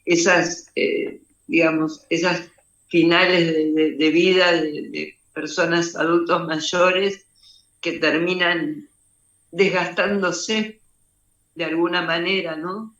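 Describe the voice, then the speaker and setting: A woman's voice: on the low side, steady tone, slow, fairly bright tone. A woman taking part in a group workshop, speaking hesitantly and searching for her words. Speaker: workshop participant. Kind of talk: casual remarks in a group session. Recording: distant, dull, echoey room sound.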